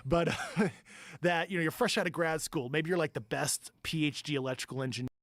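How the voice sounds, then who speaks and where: A man's voice: on the high side, fairly quick, fairly bright tone, no room sound, studio quality. A man being interviewed, explaining informally in a careful, conversational way. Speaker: interview guest, government insider.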